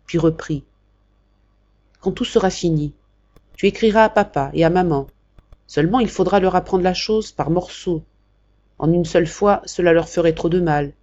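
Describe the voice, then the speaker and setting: A woman reading the part of a gentle, brave young man dying of consumption, speaking softly and tenderly. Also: lowish voice, dull audio, lightly acted.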